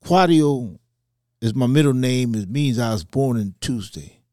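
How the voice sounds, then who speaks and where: A man from Ivory Coast, giving personal testimony as a podcast guest in halting, hesitant phrases. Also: mid-range voice, lively intonation, mellow, no echo, studio quality. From Ivory Coast, West Africa. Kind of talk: personal testimony in a conversational interview.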